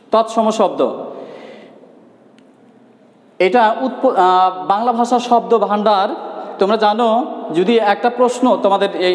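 A male teacher from Bangladesh giving a grammar lesson, repeating key points and asking the students rhetorical questions. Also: high-pitched. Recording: echoey room with long reverb.

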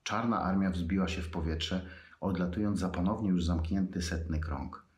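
A man, an author, reading his own fantasy prose aloud in a measured, unhurried way with pauses. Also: sits low. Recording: echoey room.

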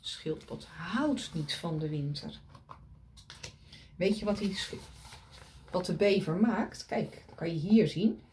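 A woman's voice: on the low side, animated, slow, long pauses, a little mellow, slight background noise. A woman reading a picture book aloud to children, pointing at the pictures and asking them questions.

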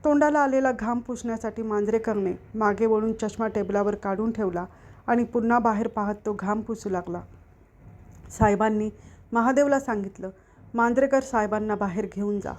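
A woman narrating a literary short story aloud in a steady, expressive way. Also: a little high, moderate pace.

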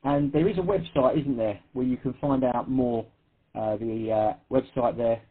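A chatty man with an Essex accent runs an amateur radio net as its host, laughing easily at himself. His voice is husky and comes through a thin, tinny radio link. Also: medium pitch, moderate pace. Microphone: radio transceiver.

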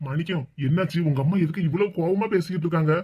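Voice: mid-range voice, racing, muffled recording, heavy background noise, natural voice. A performer voicing a cautious, polite marriage broker who hems and hesitates, in a Tirunelveli Tamil accent. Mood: hesitant.

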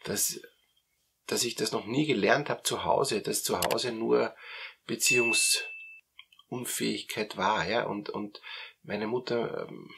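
A middle-aged man with an Austrian German accent, a coach explaining calmly with many fillers and repeated words. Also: fairly low pitch, takes it slowly, creaky, slight background noise. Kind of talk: explanatory talk.

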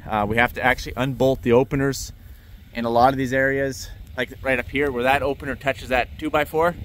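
Chatty farmer talking outdoors. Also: male voice, mid-range voice, steady tone, fairly quick, a bit bright. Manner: chatty, explains farm equipment plainly. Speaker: farmer vlogger. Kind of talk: casual walk-through vlog. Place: outdoors on a farm yard beside machinery.

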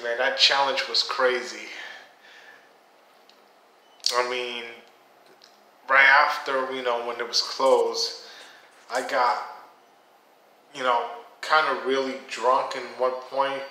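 A man's voice: medium pitch, sharp tone, roomy sound, low-quality recording. A middle-aged man vlogging to a close-held phone in a small tiled bathroom, rambling and groaning as he talks. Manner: groaning, rambling, slow talk. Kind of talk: casual vlog to camera. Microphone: phone camera held close.

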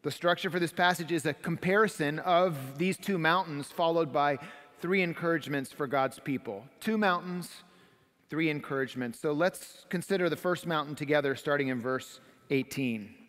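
A middle-aged man preaching a sermon from a church pulpit, explaining the text calmly and building to dramatic swells as he describes vivid scenes. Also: a little high, moderate pace. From United States. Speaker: pastor. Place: church stage behind a wooden pulpit. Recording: long hall reverb of a sanctuary.

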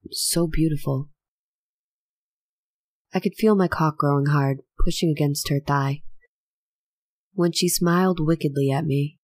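Low-voiced woman narrating an audiobook. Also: a little mellow, no echo. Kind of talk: scripted audiobook narration of an explicit romance.

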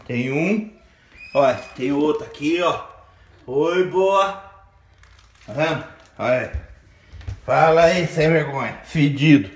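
A man's voice: on the high side, a little hiss or hum. A man filming a casual home vlog, joking and teasing as he shows his animals. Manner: joking, teasing, mocking imagined critics. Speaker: vlogger.

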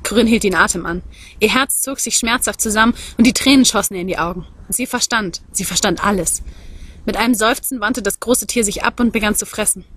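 Husky woman reading a story aloud. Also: mid-range voice. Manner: measured, expressive narration. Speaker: audiobook reader.

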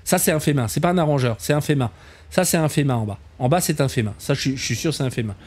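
A man's voice: on the high side, fast talker, darkish tone. A man giving a chatty, casual commentary as he tours a game camp, talking to viewers as kids and poking fun at himself. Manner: chatty, calls viewers "les enfants"; self-mocking asides. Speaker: game camp tour host.

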